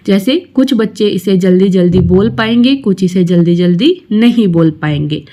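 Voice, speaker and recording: Slow-paced woman teaching young children. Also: medium pitch, darkish tone. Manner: slow, explaining each step to young children. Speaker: primary school teacher. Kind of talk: textbook lesson with a recited poem.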